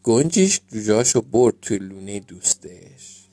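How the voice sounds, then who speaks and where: A man reading a children's story aloud as storyteller, gentle and measured. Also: fairly low pitch, very animated, dry recording.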